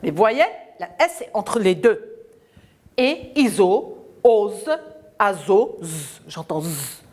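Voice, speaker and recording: Slow, sing-song woman teaching children. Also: mid-range voice, big pitch swings, darkish tone. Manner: slow, emphatic, repeats words and sounds for young pupils. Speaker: primary school teacher. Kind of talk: televised French lesson for children.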